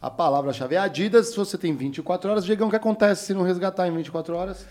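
Upbeat podcast host, slightly high voice. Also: male voice, very fast, darkish tone. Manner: upbeat and joking, addresses listeners directly. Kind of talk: casual podcast hosting.

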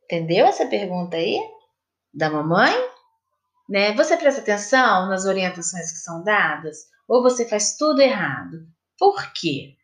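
A woman teacher from Brazil with a Brazilian Portuguese accent, giving a recorded lesson to children in a slow, patient, sing-song questioning way. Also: medium pitch, very animated. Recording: echoey room.

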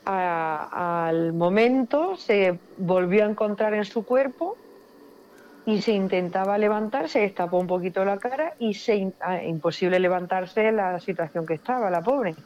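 Woman from Spain, mid pitch, expressive storyteller, muffled lo-fi sound. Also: moderate pace. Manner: expressive, repeats words for emphasis. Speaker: paranormal investigator guest. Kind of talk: emotional personal storytelling.

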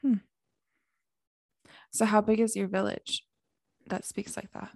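A young woman hosting a podcast interview, chatty and eager, with quick asides. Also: medium pitch, flat delivery, creaky, dry recording, clean studio sound. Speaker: podcast host. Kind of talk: casual interview chat.

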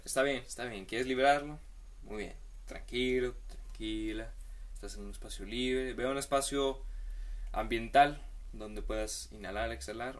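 A man's voice: mid-range voice, a bit bright. Joking man rambling. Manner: joking, rambling, slangy advice with playful asides. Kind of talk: comedic monologue.

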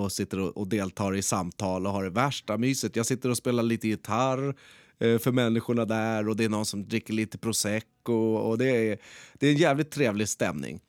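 A man's voice: mid-range voice, no echo, studio quality. A man in his forties talking in a casual podcast chat, a rambling storyteller who swears a lot.

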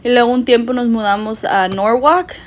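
A young woman from Mexico chats casually as a podcast co-host, often laughing and switching between Spanish and English. Her voice sits a bit high, with faint noise behind her. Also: moderate pace. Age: 20s. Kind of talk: casual chat.

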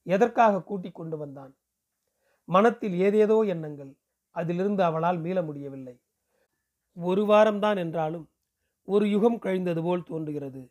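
A man from Puducherry narrating a novel in a steady, expressive reading. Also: sits high. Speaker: audiobook reader.

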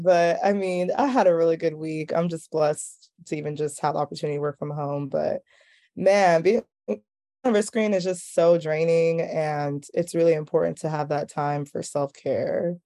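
A woman's voice: lowish voice, dark tone. An American woman from California chatting casually as a podcast guest. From California, United States. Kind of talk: casual chat.

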